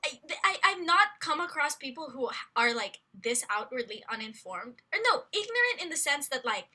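A young woman in her late teens co-hosting a casual podcast chat, animated and quick to react. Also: high voice. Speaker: podcast co-host.

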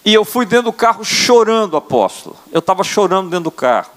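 An older man from Brazil preaching a sermon as apostle, earnest, often adding quick tag questions. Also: high voice, big pitch swings. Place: church sanctuary. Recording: church hall reverb.

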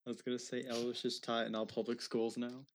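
A man on a podcast cracking dry, deadpan jokes. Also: mid-range voice, quick pace. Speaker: podcast co-host. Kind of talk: casual podcast banter. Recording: clear background noise.

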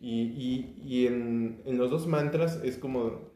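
A man's voice: mid-range voice, slow pace. Laid-back Mexican man in an echoey room. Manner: relaxed, hesitant, many fillers and restarts. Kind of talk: casual podcast chat about music.

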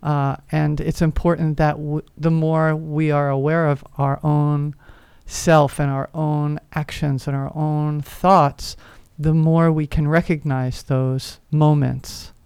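A speaker in casual spiritual chat, reflective and thoughtful, with gentle affirmations. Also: mid-range voice, level tone, takes it slowly, clear, resonant tone, no echo.

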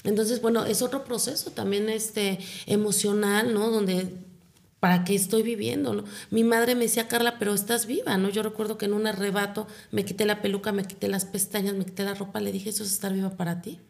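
A woman's voice: mid-range voice, flat delivery, brisk, gravelly, a little mellow. A middle-aged Mexican woman, a foundation founder, telling her personal story in an interview and ending nearly every phrase with a tag question.

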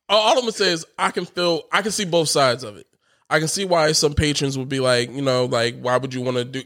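A man's voice: mid-range voice, a bit bright. A man co-hosting a podcast in casual chat, laughing often and telling stories with animation. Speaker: podcast co-host.

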